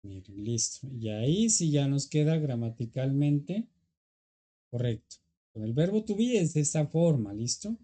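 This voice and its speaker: A man's voice: mid-range voice, animated, unhurried, mellow. A man teaching an English grammar lesson, patiently explaining and checking in with students.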